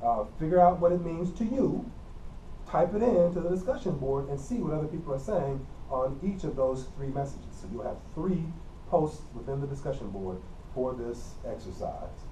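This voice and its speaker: A middle-aged man with a Midwestern American accent gives a college communication lecture in an empty classroom with a whiteboard and an air conditioner, his voice a little high, animated, dark in tone, at normal speed. He explains plainly like a teacher, repeats key points, and coughs often. A camera mic across the room makes the audio roomy and distant with a faint hum.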